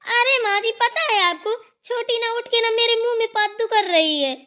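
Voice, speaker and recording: A woman's voice: extremely high pitch, moderate pace, pushed and bright. A woman voicing a cheeky elder daughter-in-law in a cartoon who snaps back in every quarrel. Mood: sassy. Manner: sassy, snapping back.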